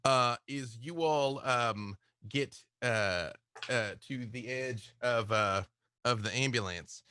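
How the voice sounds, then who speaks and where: A man narrating a tabletop horror game as game master, animated and quick to jump into shouted voices for other figures. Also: mid-range voice, slight background noise.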